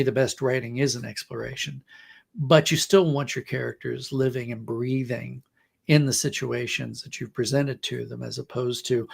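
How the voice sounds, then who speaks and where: A creaky, husky, medium-pitched voice belongs to a middle-aged or older man, a writer on a podcast. He reflects on books in a storytelling way, illustrating points with acted-out quotes during a conversational literary discussion.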